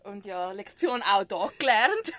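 A woman with a Swiss German accent, co-hosting a podcast and telling a story in casual chat, animated and often laughing. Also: mid-range voice, a little slow. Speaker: podcast co-host.

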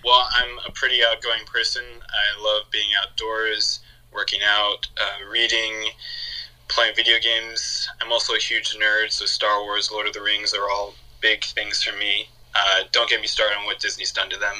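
A man who is a podcast guest, speaking in a relaxed, outgoing way with some hesitant fillers. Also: fairly low pitch, moderate pace, poor audio. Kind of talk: conversational interview.

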